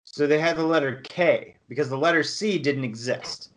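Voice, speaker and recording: A man's voice: a little high, moderate pace, fairly bright tone. Rambling man explaining mythology casually. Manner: rambling, explains with many restarts and "like". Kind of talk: casual chat.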